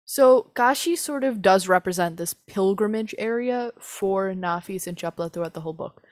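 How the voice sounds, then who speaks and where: A woman's voice: medium pitch, normal speed, no room sound, studio quality. A young woman co-hosting a casual book chat, talking in a chatty, self-mocking way. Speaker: podcast co-host discussing a book.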